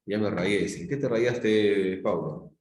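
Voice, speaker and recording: Brief: low-voiced Peruvian male teacher, middle-aged, lecturing with examples, roomy echo. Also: takes it slowly, a little mellow, slight background noise. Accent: Peruvian Spanish. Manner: explains with examples, often asks the class "¿se dan cuenta?". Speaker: psychology teacher. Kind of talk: live online class lecture. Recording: echoey room.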